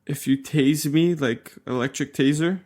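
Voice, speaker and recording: A young man from Canada co-hosting a casual tech podcast, talking in a relaxed, easygoing way and laughing along with his friend. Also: fairly high pitch, measured pace. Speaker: podcast co-host.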